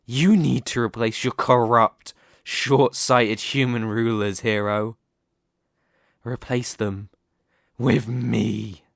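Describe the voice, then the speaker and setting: A man performing an arrogant, domineering immortal demon king in an ASMR roleplay, speaking deliberately with condescending menace. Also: medium pitch, steady tone, creaky, no room sound, clean studio sound. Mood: scornful, commanding.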